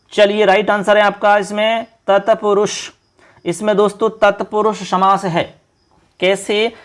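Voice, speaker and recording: A man teaching an online Sanskrit exam-prep lesson, quizzing viewers as friends and repeating each point. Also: high-pitched. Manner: repetitive explaining, Hindi mixed with English terms.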